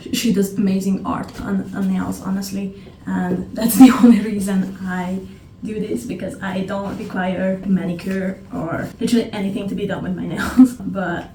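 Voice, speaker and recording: A young woman from Hungary chatting casually as she narrates her travel and reading vlog, with soft laughs. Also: mid-range voice, a little hiss or hum. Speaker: book vlogger. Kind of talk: casual vlog voiceover and diary talk.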